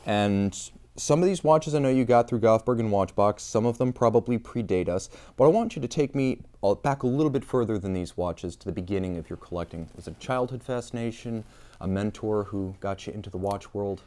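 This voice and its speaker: Guy hosting a watch interview, warm mellow tone, lowish pitch, upbeat and wordy. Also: a little fast. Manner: enthusiastic, articulate, playful. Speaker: host.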